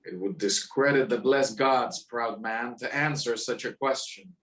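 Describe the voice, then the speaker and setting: A noble warrior prince, played by a man, defiant and formal. He declaims in Shakespearean stage manner in a voice of average male pitch. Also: unhurried, a bit bright, lightly acted, poor audio. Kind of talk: theatrical Shakespearean stage acting.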